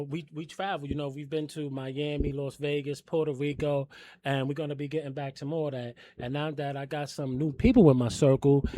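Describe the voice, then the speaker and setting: A man's voice: medium pitch, warm tone. A man who runs a wrestling promotion, talking enthusiastically and loosely as a guest in an interview. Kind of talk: casual interview. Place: collectibles shop, indoors.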